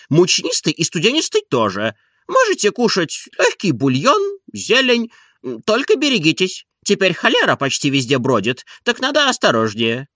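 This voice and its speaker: A man reading an audiobook and voicing a brisk doctor who lectures in a matter-of-fact way. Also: sits high, sharp tone, no echo, studio quality, voice pushed up, exaggerated voice. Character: brisk, prescribing male doctor.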